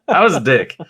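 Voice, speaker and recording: Hosting a podcast, this man talks casually through meandering stories, cursing freely and laughing at his own expense. His voice is medium in pitch, bright, forceful and husky.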